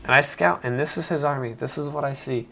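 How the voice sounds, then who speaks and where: A man's voice: mid-range voice, fairly quick, vocal fry, sharp tone, a little hiss or hum. A man casually commentating his own strategy game match, rambling and often correcting himself. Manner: rambling, self-correcting, chatty.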